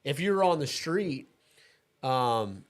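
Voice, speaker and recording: Easygoing man chatting, quick laughs. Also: medium pitch, lively intonation. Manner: easygoing, laughs often, lots of fillers and restarts. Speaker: host. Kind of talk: casual chat.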